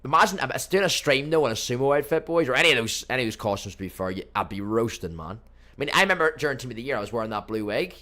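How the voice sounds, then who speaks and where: Casting: young male streamer, casual watchalong chatter, mid pitch, calls viewers boys and mate. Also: racing. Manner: chatty, addresses chat as boys and mate, bursts into excited match reactions. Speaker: livestream watchalong host. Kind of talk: casual live football watchalong chat. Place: home streaming room.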